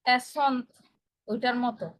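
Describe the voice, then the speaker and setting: A woman's voice: on the high side, fairly even intonation, slow, slight background noise. A woman student asking questions and repeating French words after her teacher in an online class. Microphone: video call.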